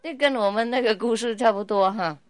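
A woman spiritual teacher giving a relaxed, playful talk to her students and telling stories, laughing often. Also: a little high, a little fast, no room sound. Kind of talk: casual spiritual talk with storytelling.

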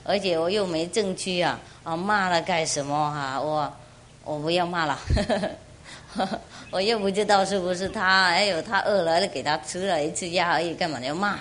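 Woman doing a kind easygoing man, gentle, forgiving, storytelling voice. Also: fairly low pitch, moderate pace, a little hiss or hum, lightly acted.

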